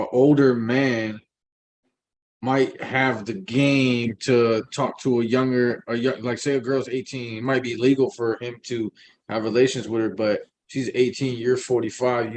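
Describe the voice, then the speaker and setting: A middle-aged man in casual discussion, halting and repeating words as he explains with examples in colloquial street slang. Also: medium pitch, a little mellow, low-quality recording.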